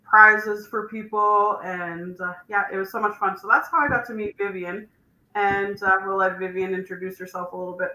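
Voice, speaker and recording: Cheerful woman cohost, bright crisp voice, sounds like an echoey room, from northern alberta. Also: mid-range voice, steady tone, normal speed. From Northern Alberta, Canada. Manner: cheerful, laughs easily. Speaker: co-host. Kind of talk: casual video call chat. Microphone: video call.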